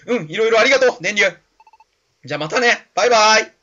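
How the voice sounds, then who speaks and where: Guy doing a hyped little schoolkid hero, high and lively, kinda lo-fi audio. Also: quick pace. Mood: eager, cheerful. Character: cheerful eager young schoolkid hero. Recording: slightly dull lo-fi recording.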